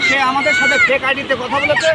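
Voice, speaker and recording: High-pitched Bangladeshi man reporting from noisy beach. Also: wildly swooping pitch, fast talker. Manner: formal address to viewers, wordy. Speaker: on-location video reporter. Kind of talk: live reporting and street interviews. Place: outdoors on a busy sea beach. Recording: noisy outdoor beach, crowd, distant mic. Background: loud surf and crowd.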